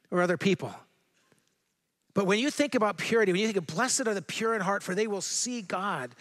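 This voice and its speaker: High-voiced man preaching a sermon. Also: a bit bright. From Southern California. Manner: conversational, with slow emphatic scripture reading. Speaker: pastor.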